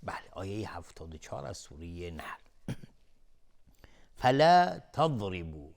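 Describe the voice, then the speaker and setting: A man with a Persian accent teaching Quran recitation rules, chanting verses slowly and then explaining each rule quickly. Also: sits low, creaky. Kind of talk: tajweed lesson, recitation and explanation.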